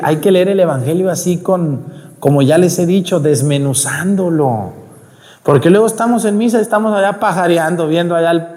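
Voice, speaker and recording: A Mexican priest preaches to his congregation in a slightly high voice. He talks a lot and scolds with a grumbly edge, peppering the pews with questions. His words ring out under a long church reverb. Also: a little mellow. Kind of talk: Sunday-style homily at Mass. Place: church during Mass.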